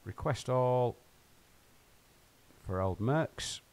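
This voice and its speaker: A man's voice: medium pitch, lively intonation, extremely slow, darkish tone, clear, resonant tone. A man rambling and joking with his viewers while he plays and streams from home. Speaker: game streamer. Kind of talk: casual live-stream chat.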